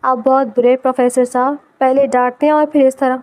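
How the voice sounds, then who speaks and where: A woman's voice: sits high, flat delivery, darkish tone, clear, resonant tone, natural voice. A woman voicing a stubborn, coy and innocent young wife who is also a student, speaking in a pouting, playful way.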